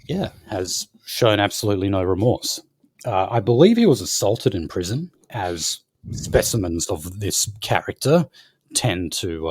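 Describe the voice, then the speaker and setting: Deep-voiced man, halting news chat. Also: darkish tone, no room sound, studio quality. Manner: hesitant, many fillers and restarts. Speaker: podcast co-host. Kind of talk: casual news discussion.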